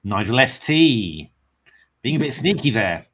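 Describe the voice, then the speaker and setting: A man's voice: mid-range voice, a little slow, breathy edge. An English man giving live commentary on online chess games, thinking aloud with lots of fillers and bursts of cheering. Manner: excitable cheering, then musing with many fillers.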